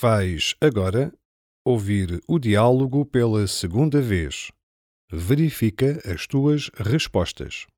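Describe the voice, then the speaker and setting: A man with a European Portuguese accent, slowly reading listening-test instructions and answer options. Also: fairly low pitch, expressive, darkish tone. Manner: slow, deliberate, instructional. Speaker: exam narrator. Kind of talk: scripted narration of a listening test.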